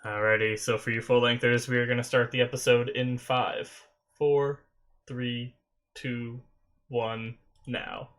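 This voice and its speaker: Hosting an anime reaction video, a man chats casually with viewers while still sniffly and getting over a sore throat. He rambles loosely with many fillers. His medium-pitched voice is level, measured in pace and a bit bright.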